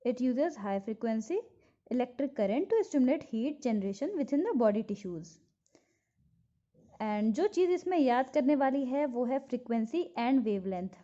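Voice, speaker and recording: Speaking slowly and animatedly in a fairly high, warm voice, a woman with an Indian accent teaches physiotherapy from her notes. She explains and repeats the key points for memorization, and the recording is dull and lo-fi.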